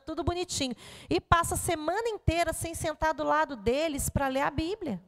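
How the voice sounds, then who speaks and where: A woman pedagogue giving a parenting talk in a church hall. Her voice sits high. She speaks in a lively way, turning to her listeners as she tells stories from home. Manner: animated storytelling to an audience. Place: church hall before an audience.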